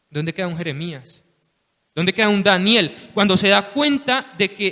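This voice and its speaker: A man's voice: sits high, sharp tone. A man preaching a sermon to his congregation, impassioned, with frequent "hermanos" and "¿sí?". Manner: impassioned, repeats "hermanos" and "¿sí?" often. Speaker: lay preacher. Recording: long reverb of a church hall.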